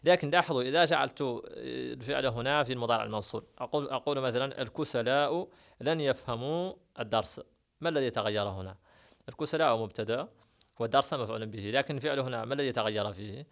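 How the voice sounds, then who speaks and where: A man leads a grammar lesson at a brisk clip. He walks through each rule step by step and repeats the examples. His pitch sits in an ordinary middle range. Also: gravelly. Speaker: Arabic grammar teacher.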